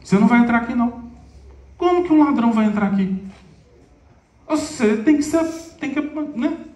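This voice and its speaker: A man's voice: very high-pitched, expressive, normal speed, darkish tone, voice pushed up. A man with a Minas Gerais accent voicing the apostle Peter as a scornful gatekeeper who turns people away from his door. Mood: scolding. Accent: Minas Gerais Portuguese. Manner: scornful, scolding. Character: gruff apostle turning beggars away at the door. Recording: echoey hall, mic far off.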